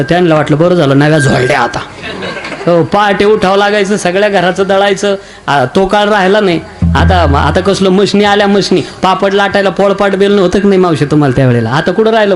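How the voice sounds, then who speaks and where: A man delivering a humorous kirtan sermon, teasing the elderly women in front of him and acting out little household dialogues. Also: high voice. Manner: jokey, addresses elderly women in the audience, acts out dialogue. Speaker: kirtan preacher.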